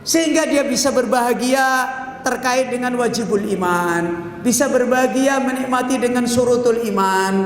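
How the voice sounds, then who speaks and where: A man preaching a sermon in a mosque hall, asking his listeners rhetorical questions and answering them himself. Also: very high-pitched. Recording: echoey hall with long reverb, faint noise.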